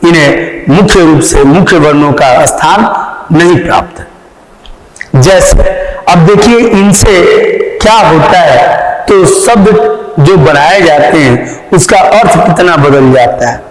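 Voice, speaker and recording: A man's voice: fairly high pitch, slow, slight background noise. A man teaching a grammar lesson to students, explaining step by step and repeating key terms. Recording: echoey hall.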